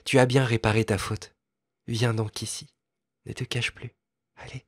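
A man doing a gentle, coaxing young lady. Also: medium pitch, little pitch movement, measured pace, no echo. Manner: soft, coaxing, tactful. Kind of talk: storybook reading.

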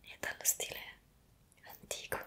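In this whispered ASMR roleplay, a young woman speaks near the microphone as a bewildered time traveller magically sent into the past, hesitant and wonder-struck. Her pace is measured and her voice pushed and bright.

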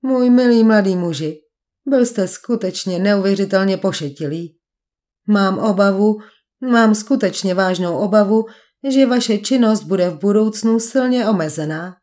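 A woman's voice: mid-range voice, mellow, close to an everyday voice. A woman voicing a suave male villain posing as a duke, speaking with polite, mocking menace in an audiobook. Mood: gloating. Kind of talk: audiobook character voice.

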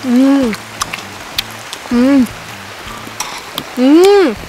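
A woman's voice: high voice, expressive, drawn-out words, rough recording. A young woman vlogger talking while chewing, eating outdoors in the rain, with a playful, teasing manner. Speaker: mukbang vlogger. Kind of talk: casual eating chat. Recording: background music over the voice. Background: music and sizzling meat.

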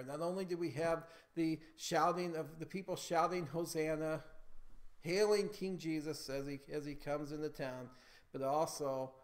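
A man preaching a sermon as pastor in a church, building emphasis and calling for amens. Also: a little high. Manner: preaching with rising emphasis, calls for amen.

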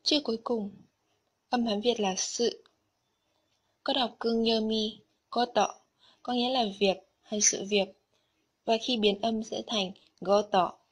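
A woman's voice: on the high side, steady tone, slow, pauses often, breathy edge. A woman narrating a scripted Japanese lesson, carefully explaining vocabulary and kanji one item at a time. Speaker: Japanese language teacher.

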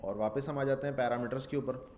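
A man's voice: medium pitch, fairly even intonation, quick pace, darkish tone. Man, casual coding lecture, rambling, thinks aloud, faint hiss behind. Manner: rambling, thinks aloud, mixes English terms into Urdu. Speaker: programming instructor.

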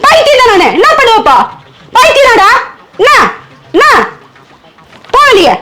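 A woman's voice: very high-pitched, sing-song, unhurried, very noisy. A woman arguing back at her husband in a domestic prank skit, indignant and close to tears. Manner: tearful, indignant, snapping back. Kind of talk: bickering couple prank. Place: home kitchen.

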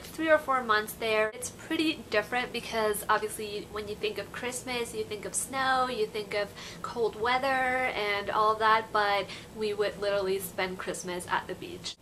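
Young woman from Peru, bedroom vlogger, bright slightly high voice, loose and chatty to camera, faint room noise. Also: poor audio. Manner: chatty, lots of "like" and "you know". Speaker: beauty vlogger. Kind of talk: casual chat to camera. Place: bedroom, indoors. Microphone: camera in front at close range.

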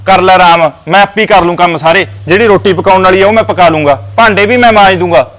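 An actor voices an exasperated husband in a village comedy drama who is stuck between his wife and his mother. He talks fast, and his voice is high for a man. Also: fairly bright tone. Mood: bickering. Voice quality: exasperated, bickering. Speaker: husband and son.

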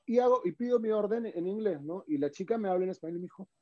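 A man's voice: high-pitched, quick pace, muffled recording. A Peruvian man with a Peruvian Spanish accent, a guest in a casual interview, telling stories animatedly and acting out the dialogue. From Peru. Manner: animated storyteller, acts out quoted dialogue.

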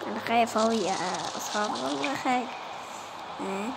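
High-pitched Egyptian woman, jumpy gaming commentary. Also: fast talker, gravelly, very noisy. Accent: Egyptian Arabic. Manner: excitable, keeps crying out that she is scared. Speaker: gamer. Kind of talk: let's play commentary. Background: loud game music.

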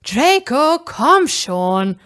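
A woman's voice: high-pitched, big pitch swings, extremely slow, fairly bright tone, exaggerated voice. A woman voicing a cheeky, carefree young male wizard in a breezy, teasing way. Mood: pushy.

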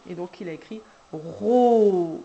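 A woman preschool teacher guiding parents through a syllable dictation, speaking slowly and deliberately and drawing out each syllable. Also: medium pitch, darkish tone, dull audio, slight background noise. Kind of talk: instructional video for parents.

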